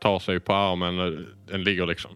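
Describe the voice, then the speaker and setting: Game master, male, low voice, easygoing and hesitant, bone-dry sound. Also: clean tone, no room sound, faint music behind. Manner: relaxed, hesitant narration with fillers. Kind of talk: narrating a tabletop game.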